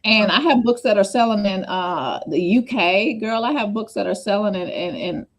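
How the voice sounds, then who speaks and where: A woman hosts a relaxed livestream chat over a video call. She talks quickly and hops from point to point, circling back with chatty asides. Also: medium pitch. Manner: fast, scattered, chatty with repeated asides.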